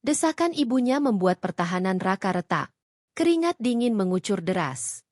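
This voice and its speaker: Brief: woman storyteller, dramatic scripted narration, animated pitch, dry studio sound. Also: normal speed, no room sound. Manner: dramatic, suspenseful.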